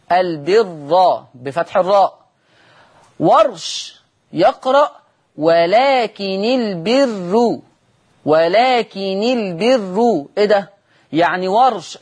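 A man's voice: high voice, husky. Egyptian man teaching Quran recitation. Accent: Egyptian Arabic. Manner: asks questions aloud and answers them himself, then chants example words slowly. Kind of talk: televised recitation lesson.

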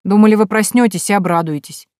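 A woman's voice: mid-range voice, fast talker, a little mellow, no echo, clean studio sound, voice pushed up, lightly acted. A woman voicing a cheerful, eager young boy with a ringing voice. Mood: guilty.

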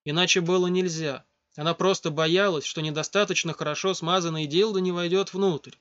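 A man reading a story aloud in a steady, scripted narration. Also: high voice, a little fast, clear, resonant tone. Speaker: audiobook narrator. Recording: dull lo-fi dry recording.

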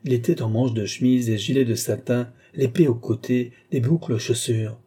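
A man reading a novel aloud as a narrator, in a measured storytelling manner. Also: mid-range voice, mellow, slightly rough. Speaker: audiobook narrator. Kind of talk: scripted narration.

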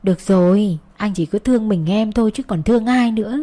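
A woman voicing a cheating young husband who speaks in a soft, coaxing way. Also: mid-range voice, fairly quick, close to an everyday voice. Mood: coaxing, secretive.

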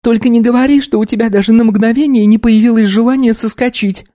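A man's voice: extremely high pitch, fast talker, voice pushed up. A man reading an audiobook, voicing a bubbly, teasing young woman blogger in a raised voice. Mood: joking. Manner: teasing, excitable. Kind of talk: audiobook character voice.

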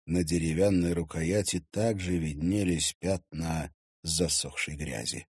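A man narrating an audiobook with expressive storytelling reading. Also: low voice, unhurried, slightly rough, dry recording, studio quality. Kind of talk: scripted narration.

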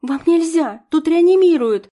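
A frantic young nurse squeals in a high, shrill voice, as a woman reading an audiobook puts her on. She sounds flustered and breathless with alarm. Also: moderate pace, natural voice.

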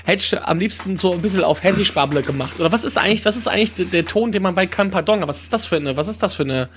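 A man with a voice a little higher than average hosts a casual comedy podcast. He talks playfully to his partner and to the listeners, with faint music behind him. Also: lively intonation, quick pace, a bit bright. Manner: playful, quotes lines and addresses listeners. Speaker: podcast host. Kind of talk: casual comedic chat about films.

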